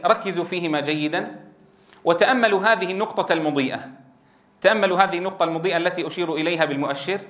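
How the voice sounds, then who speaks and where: Male tajweed teacher, high-pitched, patient explainer who drills syllables aloud. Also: reverberant. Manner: explains slowly, then demonstrates sounds with loud repeated syllable drills. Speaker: Quran recitation teacher. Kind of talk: tajweed lesson with spoken drills.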